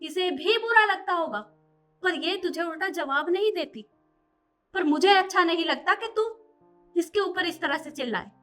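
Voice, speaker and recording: A sharp, very high-voiced mother scolds and lectures her grown son in a family drama, played by a woman. Her tone is bright and piercing, and she is fiercely protective of her daughter-in-law. Faint music plays behind her. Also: expressive, moderate pace, exaggerated voice. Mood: lecturing. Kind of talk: short family drama acting.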